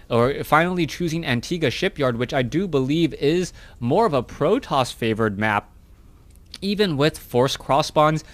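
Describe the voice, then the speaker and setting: A man's voice: medium pitch, fairly bright tone, no room sound. A man giving live play-by-play commentary on a strategy video game, chatty and often correcting himself mid-sentence. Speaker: esports caster.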